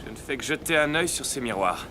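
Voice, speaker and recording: A man's voice: medium pitch, expressive, a little fast, noisy background, lightly acted. A man playing a proud, good-humoured island king and warrior leader in a dubbed film. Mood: playful, curious. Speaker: film voice actor. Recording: film soundtrack with music behind.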